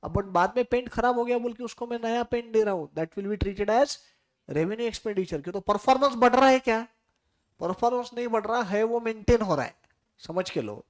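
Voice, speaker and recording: A man's voice: high-pitched, normal speed. A man teaches accounting to a class. He keeps firing rhetorical questions at his students to push them to think. English phrases run all through his explanations, the way a classroom teacher talks. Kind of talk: classroom lecture.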